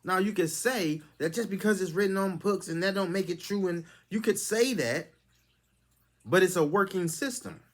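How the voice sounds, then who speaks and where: This channel host has a high-pitched voice and a moderate pace. He lectures in a sermonizing monologue, firing off one rhetorical question after another.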